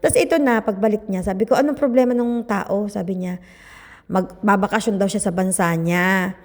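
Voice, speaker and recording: A middle-aged Filipino woman, a little hoarse from a cold, chatting and gossiping to viewers while eating on her food vlog. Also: mid-range voice, normal speed, long reverb tail. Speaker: food vlogger. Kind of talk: casual eating vlog chat.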